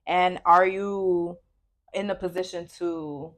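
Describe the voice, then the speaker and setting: A young woman co-hosting a podcast, chatting casually and telling stories with lively acted-out quotes. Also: fairly low pitch, takes it slowly. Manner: animated storytelling, acts out her own quoted lines. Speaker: podcast co-host.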